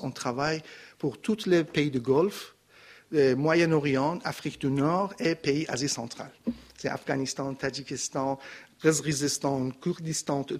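A middle-aged man from Iran, speaking with a Persian accent and a fairly high pitch, gives his personal testimony as a missionary to a congregation through a handheld mic. His speech is halting; he searches for words and restarts often.

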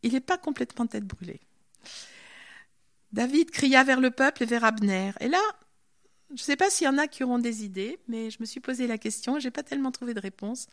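A woman giving an informal Bible teaching, reading scripture aloud and commenting on it in a chatty, lively way. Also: fairly high pitch, fairly quick. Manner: reads scripture then comments chattily, voices the characters' lines.

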